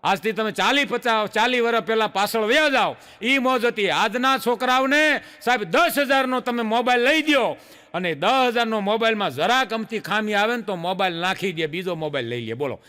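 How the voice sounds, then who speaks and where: A man's voice: high-pitched, expressive, moderate pace, sharp tone, clear, resonant tone, long reverb tail. A middle-aged man telling jokes on stage as a chatty storyteller who stretches out his punchlines. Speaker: stand-up joke teller. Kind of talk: live stage joke telling.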